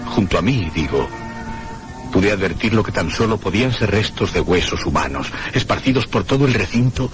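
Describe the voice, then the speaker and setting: In a deep voice, an actor portrays a haunted man telling of his ordeal for a radio horror drama, his delivery theatrical and carefully measured.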